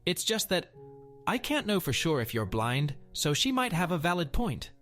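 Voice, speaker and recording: A man's voice: fairly high pitch, sing-song, moderate pace, a bit bright, soft background music, voice pushed up. A man voicing a hesitant, unhelpful male security guard in a story narration. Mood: unsure. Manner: unsure, wavering.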